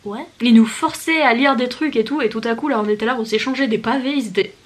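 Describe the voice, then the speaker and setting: Young woman vlogger, chatty and giggly, pitched a bit high, casual book talk. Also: fast talker. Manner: chatty, laughs often, slips into English phrases. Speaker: book youtuber. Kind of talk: casual chat to camera.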